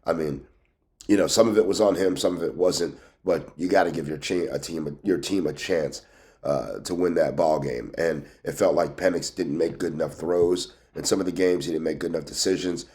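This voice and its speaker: Suffering from a cold with a scratchy throat, a sports team news show host sounds nasal and congested, as if pinching his nose. His voice is low-pitched and darkish, moving at a moderate pace through folksy, casual commentary.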